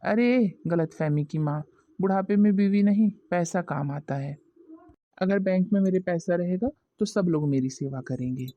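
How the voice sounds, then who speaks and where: A stingy village husband from a cartoon, voiced by a woman, talking gruffly and brushing everyone off. The voice sits low. The recording is dull, lo-fi and dry. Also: normal speed, warm tone, dry recording, close to an everyday voice. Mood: grumbling. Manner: gruff, dismissive. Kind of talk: cartoon voice acting.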